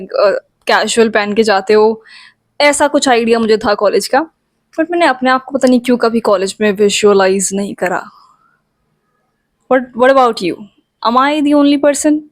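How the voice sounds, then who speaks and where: A woman's voice: a little high, no echo. A young woman vlogger in a chatty, playful storytime, talking straight to her viewers. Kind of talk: casual storytime.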